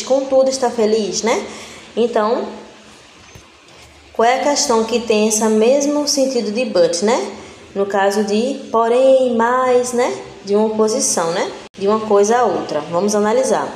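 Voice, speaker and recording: A young woman from Brazil teaching an exam-prep English lesson, explaining step by step and ending phrase after phrase with a quick "né?". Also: on the high side, darkish tone. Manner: explains step by step, tags nearly every phrase with "né?". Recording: echoey room with faint background noise.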